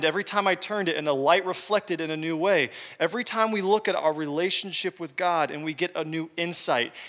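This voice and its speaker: A pastor with a high, somewhat bright voice preaches a sermon, telling a personal story and tossing joking asides to his congregation. He is in a church hall, and the recording carries long hall reverb.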